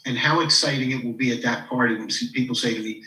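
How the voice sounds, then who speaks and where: A man in his fifties, a coach appearing as a podcast guest, speaks reflectively in a casual interview, sharing personal stories, leaning on "you know" and acting out the people he quotes. His medium-pitched voice is quick, bright and forceful. The recording is low quality, with a distant mic and a roomy sound.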